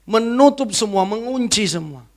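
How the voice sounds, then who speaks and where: A woman evangelist giving an emotional sermon testimony to a church congregation, swinging from loud to hushed. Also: a little high, expressive, moderate pace. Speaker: evangelist preacher. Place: church service.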